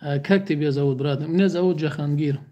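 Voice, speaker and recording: High-voiced Tajik man, joking livestream chat. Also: a little fast, mellow, muffled recording. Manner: joking, speaks broken Russian in short repetitive bursts. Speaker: livestream host. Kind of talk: casual livestream chat with viewers.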